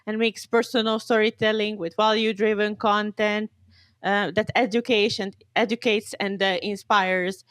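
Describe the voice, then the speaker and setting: A woman's voice: mid-range voice, flat delivery, moderate pace, fairly bright tone, dry recording. A woman in her twenties from Serbia, a guest on a podcast, talking eagerly and chattily. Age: 20s. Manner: eager, chatty, laughs easily. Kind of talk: casual interview.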